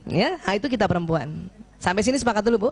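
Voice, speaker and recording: A woman giving a lively talk to an audience of women, animated and often checking in with her listeners. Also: mid-range voice, fast, slightly rough. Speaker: speaker addressing women.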